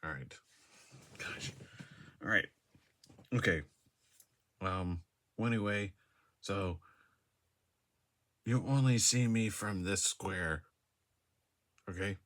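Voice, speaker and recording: A man's voice: sits low, takes it slowly, long pauses, a bit bright. A man talking casually to his device camera in a room, rambling and hesitant with many fillers and restarts, often laughing at himself. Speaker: vlogger. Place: a room indoors. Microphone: device camera mic.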